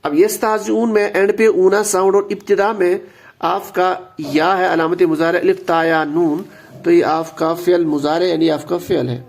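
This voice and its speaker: A man with a high voice and a gravelly edge explains grammar step by step, patiently going back over each key word. He slips English terms into his explanations, like a teacher working through a text with students. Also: steady tone. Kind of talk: explanatory lesson.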